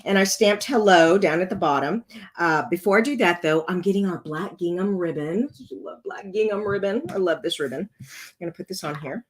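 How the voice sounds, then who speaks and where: A woman hosts a casual card-making tutorial, chatting through each step as she works. Her voice is rough and congested, fairly low in pitch, and she talks briskly.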